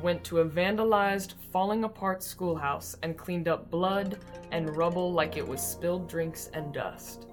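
Narrator voicing a weary old great-uncle: blunt, grim, slow telling, soft music under it. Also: male voice, fairly high pitch, voice pushed up, natural voice.

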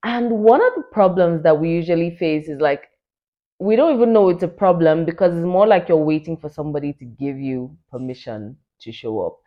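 A woman in her late twenties hosting a solo podcast, talking in an excited, chatty way full of "like" and "you know". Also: lowish voice, a little fast. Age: 20s. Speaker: podcast host. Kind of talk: casual solo podcast talk. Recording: dull lo-fi recording.

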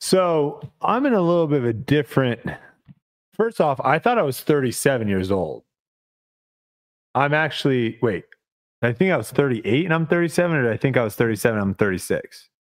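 A man's voice: mid-range voice, lively intonation, a little fast. A man in his thirties co-hosting a podcast, talking in an easygoing, self-deprecating casual chat. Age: 30s. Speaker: podcast co-host.

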